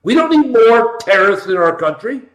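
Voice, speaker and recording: An American man hosting a talk show, delivering an impassioned political rant with emphatic, punchy repetition and swings between loud and hushed. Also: very high-pitched, sing-song, normal speed. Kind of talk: impassioned political monologue, ranting. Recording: roomy, echoing sound.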